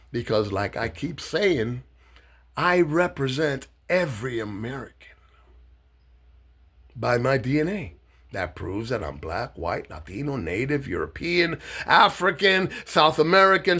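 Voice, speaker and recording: A man from Miami giving a blunt, mocking, swear-heavy political rant to camera, loose and halting with fillers when he explains himself. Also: a little high, fairly bright tone. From Miami, Florida. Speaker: political satire vlogger. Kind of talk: profane political rant and monologue.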